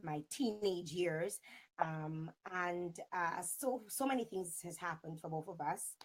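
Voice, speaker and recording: A woman in her thirties, a talk show host, chats casually and expressively in an interview over a video call from an indoor room. Her voice is fairly low and her pace slow.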